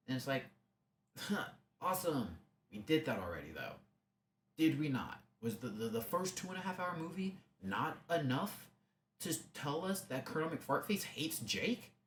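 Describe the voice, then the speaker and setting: Sarcastic young man ranting in echoey room. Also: mid-range voice. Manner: sarcastic, rambling with restarts. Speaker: movie reviewer. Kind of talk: casual movie review rant. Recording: echoey room, faint hum.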